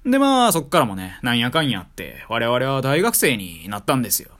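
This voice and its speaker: A young man in his twenties with a Kansai accent, telling a story in a wry, joking way on his stream. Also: a little fast. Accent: Kansai Japanese. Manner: wry, joking, animated delivery with big pitch swings. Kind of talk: casual storytelling monologue.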